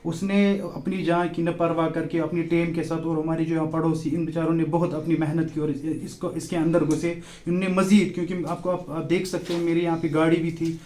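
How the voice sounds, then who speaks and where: A young man speaks outdoors into a reporter's handheld microphone. His voice sits fairly high, and his delivery is halting and full of fillers, yet urgent. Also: darkish tone. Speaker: shop owner telling of a fire. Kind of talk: on-the-spot news interview. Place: outdoors beside a burnt shop.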